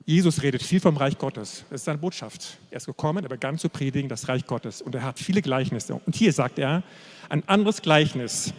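A man preaching a sermon, emphatic and repetitive, slowing down to stress key phrases. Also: medium pitch. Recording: long hall reverb.

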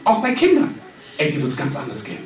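A preacher delivers a charismatic sermon, emphatic yet conversational, talking fast with a high voice whose pitch swoops wildly. A distant mic picked him up in an echoey hall with faint room noise.

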